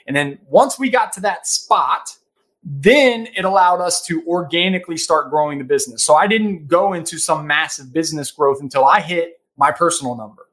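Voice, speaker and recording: A man in his thirties with a fairly high, fairly bright voice speaks at normal speed as a guest in a casual podcast interview. He gives earnest, emphatic financial advice, often checking in with "right?".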